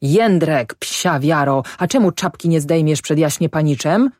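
A woman voicing an excitable middle-aged male peasant farmer who speaks in rustic dialect, grumbling and shouting at times. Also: deep voice, a little slow, no room sound, clean studio sound. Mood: angry shouting.

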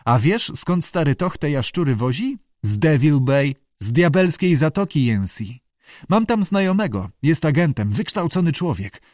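In this audiobook character voice, a man plays a small, gossipy Irish sailor who wheedles, talks conspiratorially and is quick to back down. His voice is fairly high and sing-song with a darkish tone, recorded clean in a studio with no room sound.

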